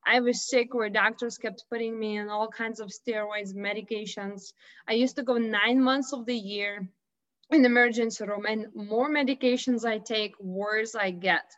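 Heard through a video call with dull lo-fi audio, a woman from Lithuania, a holistic health consultant, joins a remote interview as a guest and speaks with a Lithuanian accent. She restarts sentences often in an earnest, upbeat way, her fairly bright, higher voice moving at normal speed with fairly even intonation.

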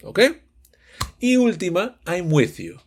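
A man teaching English phrases to Spanish speakers, explaining with animated energy and playfully acting out his students' questions. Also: sits high, slow pace, husky. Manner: playfully acts out students' questions in raised voices.

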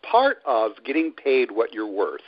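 An emphatic male radio host whose pitch swings widely as he stresses single words, sitting at a middle pitch for a man. The audio is dull and lo-fi, like broadcast radio. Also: huge pitch swings, unhurried, slightly rough. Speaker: radio show host and author. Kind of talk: radio interview.

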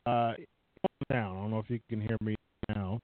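A man on the phone chats about wrestling, wandering from point to point and saying "uh" and "you know" a lot. His voice is lowish and steady, at an ordinary speed. The line is thin and dry and cuts in and out.

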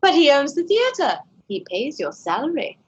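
A woman's voice: sits high, wildly swooping pitch, normal speed, highs cut off. A woman playing a timid, anxious young male theatre manager who speaks nervously and hesitantly, in an old-time radio drama.

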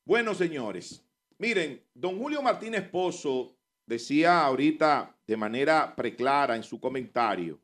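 High-pitched, emphatic Dominican man. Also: expressive, unhurried, fairly bright tone. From Dominican Republic. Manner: emphatic, oratorical. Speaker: radio commentator. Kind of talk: impassioned on-air commentary.

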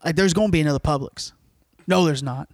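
A man's voice: a little high, quick pace, dry recording, studio quality. Profane rambling storyteller, a young man. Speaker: podcast co-host. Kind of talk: casual storytelling.

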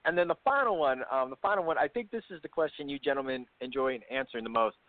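A man hosting a sports interview show, upbeat and quick, full of "you know" fillers. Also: medium pitch, animated, very noisy. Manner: fast, upbeat, many fillers. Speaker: podcast host. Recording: tinny phone-line audio.

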